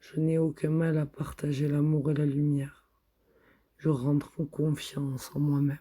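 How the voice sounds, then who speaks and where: A man leads a guided meditation, calmly repeating affirmations. His voice is dark, breathy and mellow, and it stays flat and even. He speaks slowly and softly. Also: fairly high pitch. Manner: slow, soft, repetitive affirmations.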